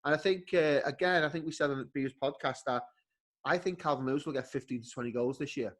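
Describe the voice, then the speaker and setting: A man's voice: medium pitch, fast talker. A man co-hosting a football podcast in casual chat, often restarting and repeating words. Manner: hesitant starts and repeated words. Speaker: podcast co-host.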